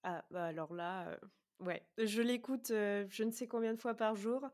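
A woman hosting a podcast in a medium-pitched voice, talking in a chatty way with frequent hesitations. She asks quick questions, then runs through her prepared notes. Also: darkish tone. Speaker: podcast host. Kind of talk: casual podcast chat and prepared presentation.

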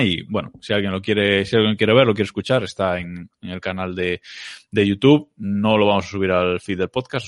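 A man with a lowish voice and a Spain Spanish accent hosts casual motorsport commentary. His delivery is informal and halting, and the sound is dry. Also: a bit bright, no room sound. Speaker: podcast host.

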